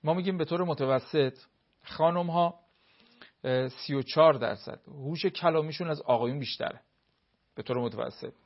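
A man's voice: a little high, muffled recording. A man, a cleric, giving earnest marriage advice in an explanatory talk full of everyday examples.

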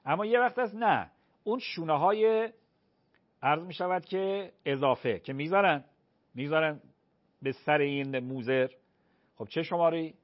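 A man who is a cleric answering callers' religious questions on a call-in show, speaking slowly and deliberately and repeating phrases to teach them. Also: fairly high pitch, muffled recording.

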